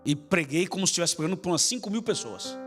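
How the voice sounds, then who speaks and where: A man's voice: sits high, animated, fast. A man preaching as a pastor, telling a story to his congregation, acting out dialogue and speaking directly to them. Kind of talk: storytelling sermon. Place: church sanctuary. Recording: long hall reverb with piano music behind.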